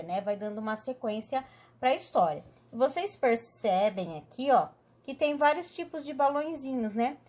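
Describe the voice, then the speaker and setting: A woman teacher with a Brazilian Portuguese accent, explaining a lesson patiently and often checking in with her students. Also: fairly high pitch. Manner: patient, explanatory, tags sentences with "né?". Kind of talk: recorded online class.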